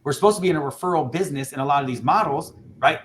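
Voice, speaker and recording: A man's voice: a little high, very fast, a bit bright, slight background noise. A man hosting a casual panel talk, speaking with passion and emphasis and often cutting in.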